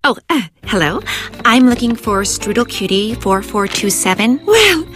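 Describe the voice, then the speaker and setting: Gushy friendly cartoon date lady, bouncy pitch, bit of music. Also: very animated, a little slow. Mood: friendly, cooing. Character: gushing, friendly woman arriving for a date. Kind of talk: cartoon voice acting.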